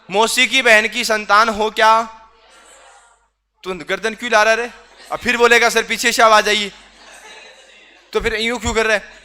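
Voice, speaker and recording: A male reasoning teacher delivers an online class lecture in a high, sharp, clean-sounding voice, repeatedly quizzing students and teasing them along the way.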